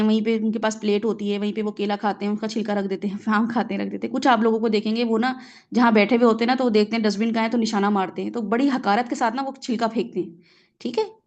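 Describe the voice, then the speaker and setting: A woman with a Pakistani Urdu accent gives a Quran reflection lesson in a fairly high voice. She breaks down each word, slips English terms into her Urdu and keeps asking her listeners whether they follow. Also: darkish tone. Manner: explains word by word, checks in with "theek hai?"; mixes English words into Urdu. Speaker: Quran teacher.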